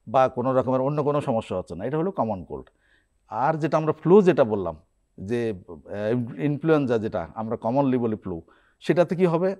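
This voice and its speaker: A man's voice: mid-range voice, a little mellow. A man, a guest doctor, explaining symptoms and remedies step by step on a TV health program in a studio.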